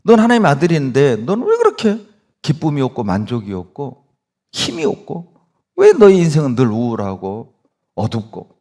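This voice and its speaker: A man's voice: mid-range voice, huge pitch swings, moderate pace, warm tone. A male preacher voicing the devil as a mocking, needling accuser who whispers doubts. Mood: taunting.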